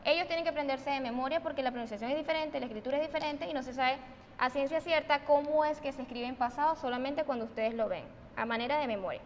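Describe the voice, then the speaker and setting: A Venezuelan woman teaching English pronunciation, switching between Spanish and English and repeating each example word slowly and with emphasis. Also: sits high, in a large hall, muffled recording, slight background noise. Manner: slow, emphatic repetition of example words. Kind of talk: recorded online English lesson.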